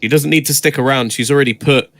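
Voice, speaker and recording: A man with a mid-pitched voice commentates a competitive game live as an esports caster. He follows the action play by play and lifts into excited, drawn-out calls when it peaks. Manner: builds into excited, drawn-out calls at big moments.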